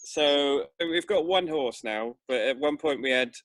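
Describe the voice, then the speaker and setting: A man talking on a video call from outside in his garden, relaxed and easily amused, with many small hesitations. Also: on the high side, measured pace, no room sound. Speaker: guest. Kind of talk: casual group chat on a call. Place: garden outdoors.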